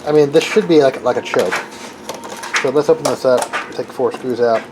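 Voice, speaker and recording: A brisk, medium-pitched male voice offers a casual demonstration of car radio equipment, musing aloud as he fiddles with it. He makes videos as a hobby, and clear vehicle and ambient noise sits behind his speech.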